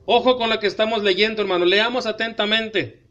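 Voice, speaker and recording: A man preaching an emphatic sermon, reading scripture aloud slowly and breaking in with commentary to the congregation. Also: high-pitched, fairly even intonation, bright, forceful tone, lo-fi sound. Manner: repeatedly addresses the congregation as brothers, emphatic.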